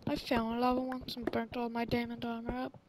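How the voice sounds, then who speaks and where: An eager, excitable woman chatting with a friend over game voice chat. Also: a little high, a little fast. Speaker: player. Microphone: voice chat mic. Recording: voice chat with faint noise.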